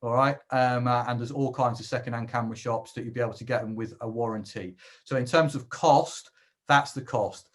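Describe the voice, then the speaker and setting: A man's voice: mid-range voice, fairly even intonation, brisk. A man giving an informal webinar talk on video gear, chatty with dry jokey asides, over a video call. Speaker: webinar presenter.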